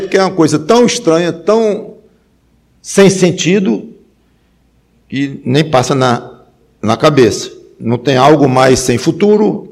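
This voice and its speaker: Emphatic fairly high-voiced male preacher. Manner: swings between loud emphatic peaks and low quiet stretches; repeats and restarts words while thinking. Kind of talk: sermon on Ecclesiastes.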